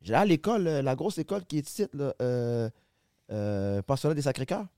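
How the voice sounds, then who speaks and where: A Québécois rapper in his forties, from Quebec, guests on a podcast and chats casually, rambling, restarting often and asking "tu comprends?". His medium-pitched voice swings widely in pitch at a brisk pace, with a mellow, clear, resonant tone. The recording is studio quality with no room sound.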